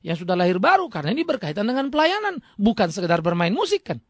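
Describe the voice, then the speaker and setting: A man's voice: high-pitched, very animated, fast, dry recording, clean studio sound. A middle-aged male pastor giving a sermon in a colloquial, conversational way, firing off rhetorical questions and answering them himself. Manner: colloquial, rhetorical questions, plays both sides of imagined exchanges.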